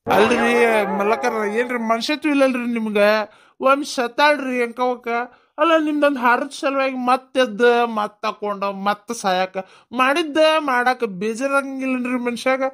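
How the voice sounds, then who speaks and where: A woman's voice: sits high, moderate pace, fairly bright tone. A woman voicing a tipsy, sentimental male village headman in a cartoon, with a North Karnataka accent and a drawling, pleading way of talking. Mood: indignant.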